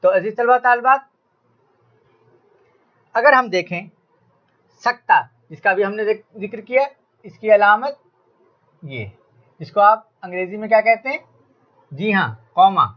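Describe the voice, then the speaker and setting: Guy teaching a grammar class, high voice, slow and careful, kinda muffled lo-fi sound. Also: expressive. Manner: addresses students formally, stresses examples in a raised voice. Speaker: Urdu teacher. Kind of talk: classroom lesson.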